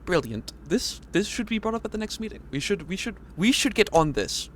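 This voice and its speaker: A man's voice: high voice, very animated, fairly quick, a little hiss or hum. A man playing a druid in a tabletop game, talking playfully and theatrically with stumbling restarts. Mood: scheming. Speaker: player. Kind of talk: in-character tabletop role-play.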